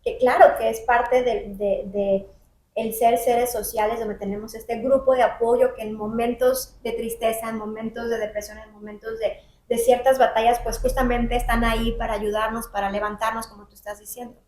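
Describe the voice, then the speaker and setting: A woman's voice: on the high side, flat delivery, normal speed, darkish tone. A woman co-hosting, reflecting on and summarizing what the guest says. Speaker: podcast host. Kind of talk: conversational interviewing. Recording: echoey room.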